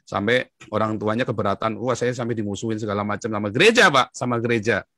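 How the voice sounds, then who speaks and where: A man from Indonesia telling his story in an interview, excitable, his voice jumping up in pitch as he gets worked up. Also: fast, no room sound, studio quality. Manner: excitable, with sudden jumps in pitch and frequent address to the listener.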